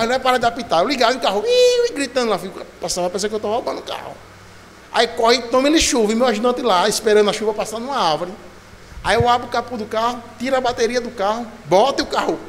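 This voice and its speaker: A male pastor preaching a sermon, telling a lively story and acting out voices and sounds. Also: extremely high pitch, slight background noise. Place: church. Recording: church hall reverb, faint ambience.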